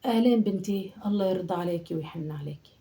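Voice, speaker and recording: A sketch performer speaks very fast in a low-ish, mellow voice near her natural one, playing a fussing older mother from Aleppo in her sixties. With an Aleppo Syrian Arabic accent, the chatty, nagging character scolds and mutters prayers in this comic monologue.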